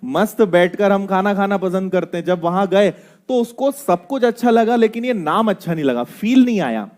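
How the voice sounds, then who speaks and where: A man teaching a classroom, joking and quizzing his students, tagging his points with quick questions. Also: sits high, expressive, a little mellow. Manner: playful, quizzing students with rhetorical tags. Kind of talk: classroom lecture with jokes.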